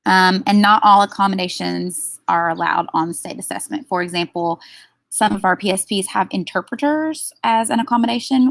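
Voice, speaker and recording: Woman giving a staff training, gravelly edge. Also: medium pitch, no room sound. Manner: explanatory, steady, with frequent ums.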